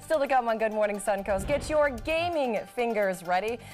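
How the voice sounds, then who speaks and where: A woman's voice: on the high side, lively intonation, moderate pace, faint music behind. Breezy woman anchoring morning news. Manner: playful, laughing aside with co-anchor. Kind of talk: live newscast reading and banter.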